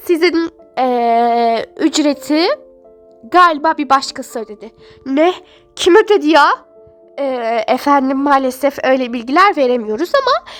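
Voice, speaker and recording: A woman voicing a calm, polite hospital nurse who soothes a patient, hesitating with fillers. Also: high-pitched, voice pushed down.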